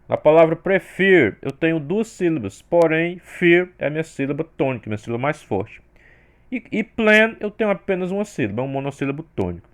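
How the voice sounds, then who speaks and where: A man from Brazil teaching an English grammar lesson, explaining the rules step by step and saying the sample words louder. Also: on the high side.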